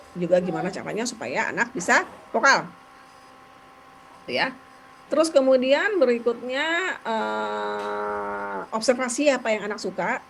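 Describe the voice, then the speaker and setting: A woman talking casually and explaining therapy ideas as a parent, chatty and animated, with quick laughs. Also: mid-range voice, gravelly, slight background noise, poor audio.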